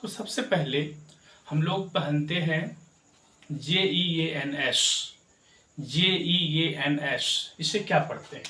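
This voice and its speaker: A man's voice: a little high, measured pace, fairly bright tone, far from the mic. A man teaching English pronunciation, spelling words out letter by letter and repeating the correct form while asking the viewers to follow along. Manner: addresses viewers directly with rhetorical checks. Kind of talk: spoken language lesson. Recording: echoey room, voice from off mic.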